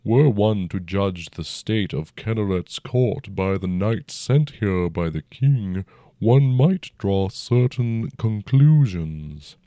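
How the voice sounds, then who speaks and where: A man voicing a huge, very old and noble dragon who speaks slowly and formally with a rumbling tone. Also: expressive, warm tone, no echo, clean studio sound. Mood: stately, probing. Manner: slow, stately and formal, old-fashioned speech. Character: ancient noble dragon, huge, calm and probing.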